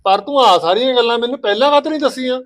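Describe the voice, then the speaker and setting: A man playing a village husband caught between his wife and his sister, talking in a rapid, pleading way in a family skit. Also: extremely high pitch.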